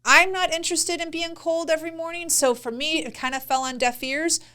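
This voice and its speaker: Chatty woman co-host, a little high. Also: fairly even intonation, a little fast, sharp tone. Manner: teasing, storytelling. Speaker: podcast co-host. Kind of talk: casual chat.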